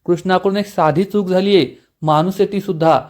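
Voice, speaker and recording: A stern older head of the family firmly defends the young bride, with a man reading his lines. The voice sits fairly high for a man. It is told within a soap-opera recap. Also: fairly even intonation, fairly quick, natural voice.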